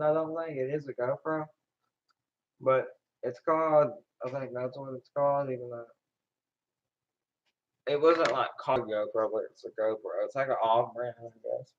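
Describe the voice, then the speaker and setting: The recording is dull and lo-fi. A man talks casually at a middle pitch, rambling and hesitating as he thinks aloud. His delivery is unscripted and conversational. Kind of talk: casual chat. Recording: dull lo-fi sound.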